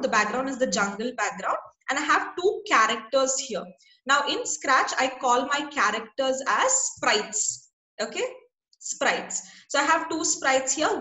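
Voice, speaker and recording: Bright, high-voiced woman teaching online. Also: roomy sound. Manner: patient, checks in often with the class. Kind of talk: online class instruction. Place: online class over a video call.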